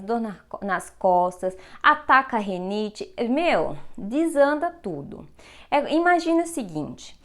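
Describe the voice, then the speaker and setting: A woman giving an earnest personal testimonial, often adding "né" and "meu". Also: on the high side. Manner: earnest, uses fillers like "né" and "meu". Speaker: testimonial speaker.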